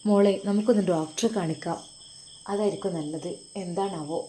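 Mother figure read by a woman narrator: middle-aged, doting, emotional, mellow voice. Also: on the low side, normal speed, slight background noise, lightly acted. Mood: fussing. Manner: doting, fussing, tearful.

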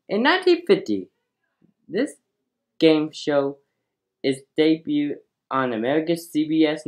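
A woman's voice: low-pitched, a little mellow. A woman hosting a playful pretend game show, rambling and stumbling over the questions as she reads.

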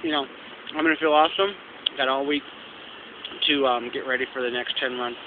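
A man's voice: medium pitch, fairly even intonation, a little fast. A man of about forty chatting casually and unscripted to his own vlog camera. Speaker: running vlogger. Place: outdoors against a tree beside a road. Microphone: handheld camera at arm's length. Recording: tinny phone-like sound, noisy outdoor traffic.

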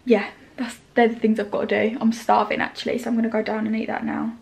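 A woman's voice: a little high, monotone, fast talker, gravelly, darkish tone, poor audio. A young woman chatting casually to camera in a vlog, rambling with lots of fillers. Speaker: vlogger.

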